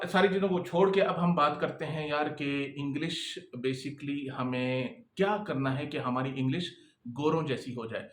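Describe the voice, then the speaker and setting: Guy, kinda high voice, chatty freelancing tips, keeps going "theek hai", echoey room. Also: a bit bright. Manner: chatty, repetitive, keeps checking in with the listener. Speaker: freelancing coach. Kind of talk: casual advice talk to camera.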